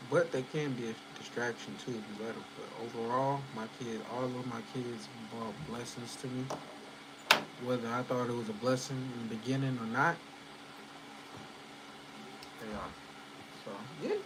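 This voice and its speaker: Over a noisy background, a man with a medium-pitched voice chats casually on a livestream from home. He's in his early thirties, hosting the channel and rambling to viewers with lots of fillers and swearing.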